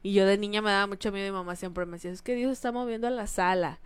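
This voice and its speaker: A woman's voice: mid-range voice, very fast, clean tone, no echo. A woman with a Mexican accent, co-hosting a podcast in casual chat, telling childhood stories and acting out quotes. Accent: Mexican Spanish. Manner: animated storyteller, acts out quotes. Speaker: podcast co-host.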